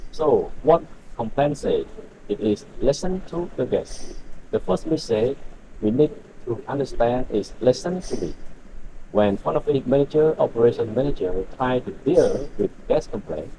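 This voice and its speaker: A man, a hotel general manager, giving a measured instructional talk in slightly non-native English. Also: medium pitch, mellow. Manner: measured, deliberate phrasing with non-native grammar. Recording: muffled lo-fi recording with faint noise.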